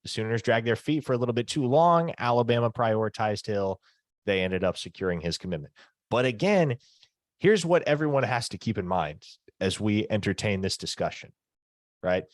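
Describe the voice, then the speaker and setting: A man co-hosting a sports podcast, talking in a clear, articulate way and laying out his points steadily. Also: on the low side, expressive, moderate pace, no room sound, studio quality. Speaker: co-host, sports analyst. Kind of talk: casual sports podcast analysis.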